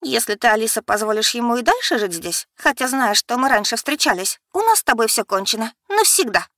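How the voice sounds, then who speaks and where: A woman reading an audiobook and voicing a distraught young woman who pleads and shouts at her sister, near hysterical. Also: fairly high pitch, big pitch swings, a little fast, dry recording, clean studio sound, voice pushed up, full character voice. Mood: furious.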